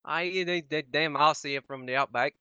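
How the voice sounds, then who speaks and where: A man's voice: on the high side, moderate pace, pushed and bright, smooth, no echo, dull audio. A man hosting a podcast in casual chat, laughing and teasing his co-hosts. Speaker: podcast host.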